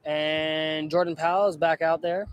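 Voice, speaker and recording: A young man calling amateur baseball play-by-play in a relaxed, chatty way, often correcting himself. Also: fairly high pitch, measured pace, no room sound, dull audio. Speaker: play-by-play announcer.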